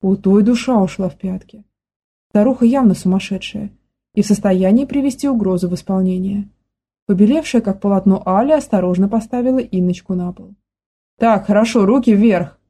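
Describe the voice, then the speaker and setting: Audiobook narrator, woman, dark husky voice, measured storybook reading. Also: medium pitch.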